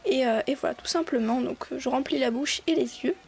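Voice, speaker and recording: A young woman with a high voice talks through a clay craft tutorial in a relaxed, chatty way. She keeps stopping to fill gaps and restart her sentences as she goes. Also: fairly quick, vocal fry. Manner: chatty, many fillers and restarts. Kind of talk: casual voice-over tutorial.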